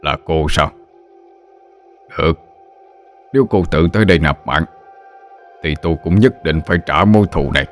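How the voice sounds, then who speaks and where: A man's voice: extremely low pitch, normal speed, long pauses, soft background music. A man voicing a furious old exorcist father-in-law who scolds harshly and bitterly.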